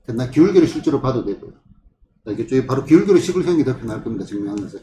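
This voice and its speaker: A man's voice: mid-range voice, animated, racing, dark tone. A male math tutor working through problems and checking in with rhetorical questions. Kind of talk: classroom problem walkthrough. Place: tutoring classroom. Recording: echoey room with faint ambient noise.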